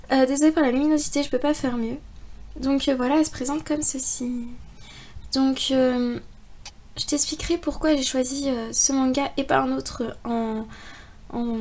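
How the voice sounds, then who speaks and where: A woman's voice: high voice, gravelly, darkish tone. A young woman casually presenting a handmade craft model for a contest, chatty with frequent fillers and little laughs. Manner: chatty, many fillers and giggles.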